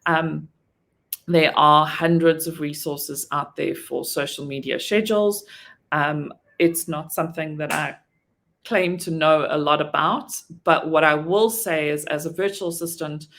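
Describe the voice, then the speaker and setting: A South African woman talks through a casual online training session with a low, gravelly voice. She fills her sentences with ums and restarts herself mid-thought, in the plain manner of a virtual assistant trainer. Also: steady tone, unhurried, a bit bright. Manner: casual, lots of ums, self-correcting.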